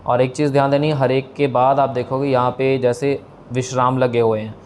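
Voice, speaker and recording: A man giving a patient scripture pronunciation lesson, slowly spelling out sounds and mixing in English words. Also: medium pitch, flat delivery, a little mellow, slight background noise. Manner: patient, slow demonstrations of pronunciation; mixes English words into explanations. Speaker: Sikh scripture teacher.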